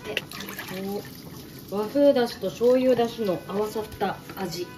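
A woman's voice: mid-range voice, unhurried, dark tone. Casual woman vlogger, music behind. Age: around 30. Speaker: home cooking and drinking vlogger. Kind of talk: casual cooking narration and chat. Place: home kitchen and dining table.

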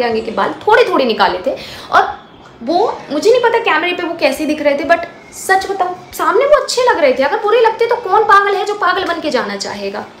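A woman homemaker and family vlogger talking earnestly and defensively straight to her viewers in a casual chat. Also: sits high. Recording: roomy echo, faint noise.

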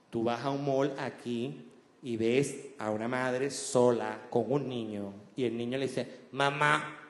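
A man doing stand-up comedy, animated and full of crude slang, acting out quotes. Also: a little high. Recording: roomy theater reverb with faint noise.

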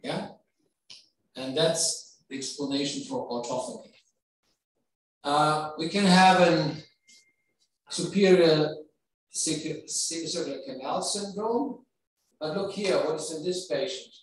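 A man's voice: a little high, unhurried, pauses often, slight background noise. A middle-aged man with a German accent giving a medical lecture, explaining step by step and putting questions to the audience. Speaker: neurology professor giving a lecture. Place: lecture hall. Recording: echoey hall, voice from far off.

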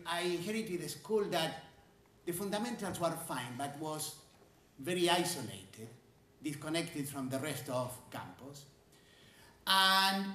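A man in his sixties from Argentina, an engineering school dean giving a conference keynote on a large stage, measured and emphatic, stretching key words. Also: a little high, a bit bright. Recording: roomy hall sound from a distance.

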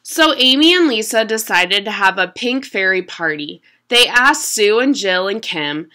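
At home in a small room, a young adult woman with a medium-pitched voice reads a children's picture book aloud. Her storytelling is expressive and deliberate.

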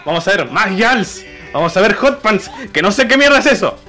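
A man's voice: sits high, very animated, moderate pace, sharp tone, soft background music. A young man with an Argentine accent, presenting a slideshow on a comedy stream, joking crudely and swearing a lot. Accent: Argentine Spanish.

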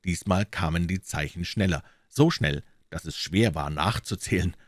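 A man narrating a classic detective story as an audiobook reader in a calm, steady way. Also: sits low, moderate pace, no room sound, clean studio sound.

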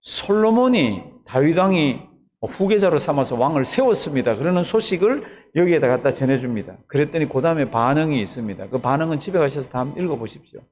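A man's voice: on the high side, animated, quick pace, darkish tone. A man, a pastor, preaching an early morning sermon, retelling the story animatedly and asking the congregation questions.

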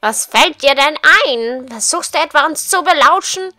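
A woman's voice: high-pitched, steady tone, normal speed, bright, forceful tone, soft background music, voice pushed up. A woman voicing an indignant, grumpy village gossip from a video game, scolding youngsters emphatically. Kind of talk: game dialogue read aloud in character.

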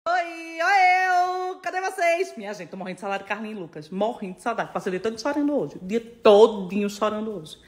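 A woman's voice: mid-range voice, very animated, fast talker, few pauses, a little mellow. A middle-aged woman, chatting affectionately to her followers in a casual phone vlog, repeating herself and laughing. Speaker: social media influencer.

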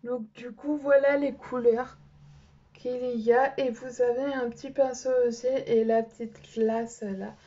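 A woman's voice: on the high side, fairly even intonation, measured pace, warm tone, lo-fi sound. A young French-speaking woman presenting makeup in a casual vlog, hesitant with many fillers. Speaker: beauty vlogger. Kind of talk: casual show-and-tell vlog.

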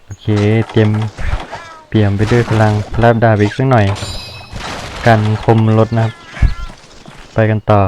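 A man's voice: fairly low pitch, level tone, measured pace, long pauses, slight background noise. A young adult man giving running play-by-play commentary over his own game, with sudden exclamations as the action turns. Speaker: gaming channel host. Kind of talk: live gameplay commentary. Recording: loud game music behind.

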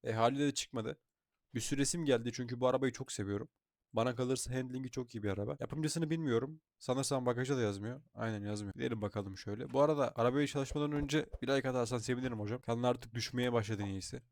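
A man's voice: medium pitch, fast talker, darkish tone. A man with a sore throat, chatting casually and swearing as he comments on his own driving game. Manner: chatty, swears freely, thinks aloud. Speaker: gaming YouTuber.

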